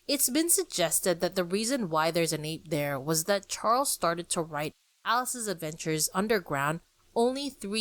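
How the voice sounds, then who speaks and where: A woman with a lowish, fairly bright voice hosts a podcast, recorded without room sound. She talks informally about the history of a classic book's illustrations, chatty and friendly, addressing her listeners directly.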